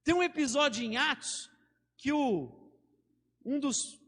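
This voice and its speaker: High-voiced Brazilian pastor preaching. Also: male voice, animated, slow pace, a bit bright, big-room sound. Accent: Brazilian Portuguese. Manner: conversational preaching with anecdotes and slang. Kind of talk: sermon. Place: church sanctuary.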